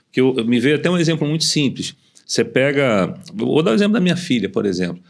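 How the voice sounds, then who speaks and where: A man's voice: medium pitch, big pitch swings, fast, vocal fry. A man hosting a podcast, who rambles and repeats words as he restarts his sentences. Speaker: podcast host. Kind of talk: conversational podcast interview.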